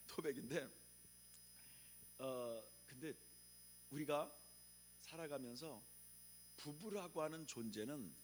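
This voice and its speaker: A man's voice: on the high side, a little hiss or hum. A male pastor from preaching a revival sermon, calling on the congregation to repeat after him and answer back. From Chungcheong, Korea.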